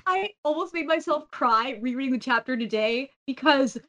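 A woman with a high, bright voice talks on a podcast, gushing with excitement and peppering every sentence with "like". She sounds swept up in what she is describing. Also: normal speed, dull audio. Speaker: podcast host. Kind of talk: casual podcast chat.

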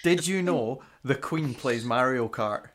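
A man's voice: medium pitch, lively intonation, unhurried, a bit bright. A young man chatting casually with friends on a podcast, offhand and blunt. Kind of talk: casual chat among friends.

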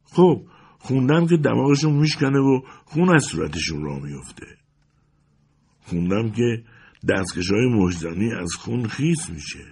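A man's voice: mid-range voice, sing-song, a little mellow, breathy edge. A man reading the part of a guarded, wistful farm wife in a story, asking short, clipped questions.

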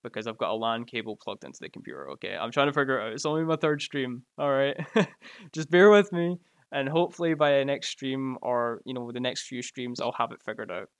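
A man's voice: mid-range voice, fast, few pauses, a bit bright, clear, resonant tone, no room sound. A Scottish man with a Glaswegian accent, chatting casually on a live stream in his home, joking and laughing often into a close microphone. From Scotland. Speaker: live streamer reading chat. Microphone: close mic right in front of the mouth.

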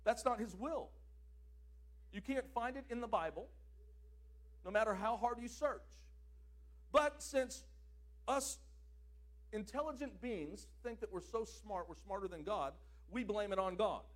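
A man preaching a sermon, emphatic, swinging between loud declarations and quieter asides. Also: sits high, measured pace, pauses often.

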